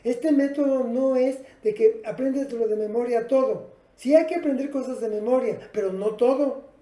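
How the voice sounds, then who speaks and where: A woman teacher gives a patient, step-by-step classroom lesson, talking straight to her students. Her voice is dark and mellow yet sits fairly high. The sound is roomy and echoey. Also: moderate pace. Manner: patient, explanatory, addresses students directly. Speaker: English teacher.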